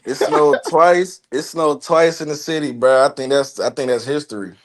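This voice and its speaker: A man's voice: on the high side, fairly even intonation, normal speed. A man joining a casual chat, easygoing and slangy.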